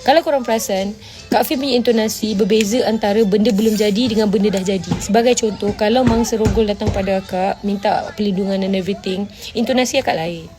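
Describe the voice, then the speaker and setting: A woman's voice: mid-range voice, fast talker, music in the background. A woman with a Malaysian Malay accent hosts a casual livestream, answering viewer comments bluntly and mixing Malay with English while she scolds her audience. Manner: blunt and scolding, often asks "faham tak?".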